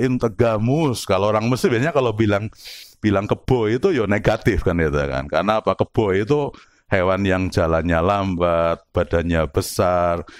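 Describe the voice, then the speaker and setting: A middle-aged man giving a lively religious philosophy lesson, explaining with rhetorical questions and examples and slipping in Arabic and words. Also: low voice, clear, resonant tone, dry recording, studio quality. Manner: mixes in Arabic and Javanese words. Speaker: Islamic philosophy teacher. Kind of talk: lively religious study lecture.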